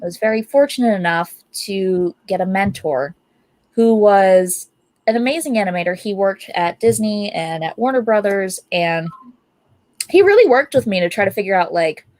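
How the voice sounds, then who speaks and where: A woman's voice: mid-range voice, normal speed, dry recording. Upbeat young woman telling stories, dry sound. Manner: animated, upbeat, laughs while telling stories. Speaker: guest artist. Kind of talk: casual interview storytelling.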